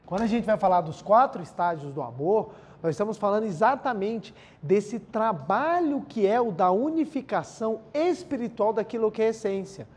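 Husky Brazilian man giving a spiritual talk. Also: high voice, lively intonation, normal speed, few pauses. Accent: Brazilian Portuguese. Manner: anecdotal, addresses listeners as "gente", repeats key phrases. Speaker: lecturer of a spiritual movement. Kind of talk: spiritual lecture.

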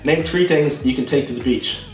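A young man reads out quiz questions with a slightly high voice, laughing and teasing between rounds. He sits away from the mic in a roomy, echoing space with faint music underneath. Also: a little fast. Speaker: quizmaster host. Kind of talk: casual challenge game. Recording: echoey room, far from mic, faint music.

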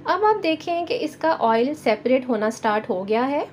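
A woman with a Pakistani Urdu accent hosting a cooking channel, giving calm step-by-step recipe instructions in a voice-over. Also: high voice, normal speed, a little hiss or hum. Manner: calm, instructive, addresses viewers directly.

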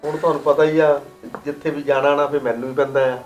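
A man's voice: on the high side, level tone, fast talker, soft background music, lightly acted. An actor playing a retired army man visiting his in-laws, polite at first and then insistent on getting answers. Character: retired army man, son-in-law, firm and probing. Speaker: actor in a family drama. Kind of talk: village family drama acting.

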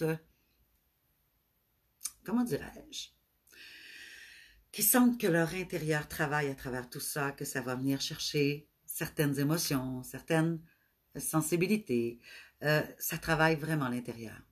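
Québécois woman, middle-aged, low voice, tender spiritual host, halting delivery. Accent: Québécois French. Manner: gentle, affectionate, with frequent hesitations. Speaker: spiritual speaker hosting a live stream. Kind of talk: live stream talk to viewers.

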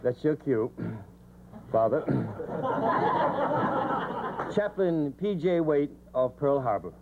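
A man as emcee of a roast, giving jokey, ribbing introductions, heard on a muffled TV recording with loud hiss. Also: fairly high pitch, very animated, extremely slow.

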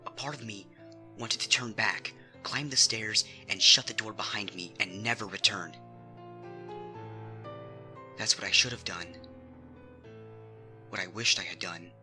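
A man narrates a scripted horror story theatrically and suspensefully, unhurried and pausing often. His voice is fairly low with a sharp tone, and background music plays underneath.

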